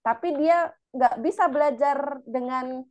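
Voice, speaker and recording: A woman's voice: high voice, measured pace, a little mellow. An Indonesian woman moderating a teachers' webinar and sharing her own classroom experience. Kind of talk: webinar talk.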